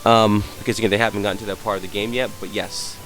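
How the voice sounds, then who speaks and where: A hungover, sick man giving an unscripted software tutorial, hesitant and apologetic as he searches around. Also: fairly low pitch, little pitch movement, fast talker, soft background music, low-quality recording. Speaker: tutorial presenter.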